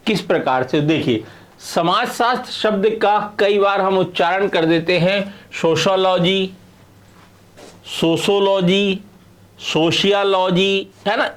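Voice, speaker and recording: A middle-aged man teaching sociology in a video lecture, explaining step by step and checking often that students follow. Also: fairly high pitch. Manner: explains with repeated checks like "है ना" and "clear है".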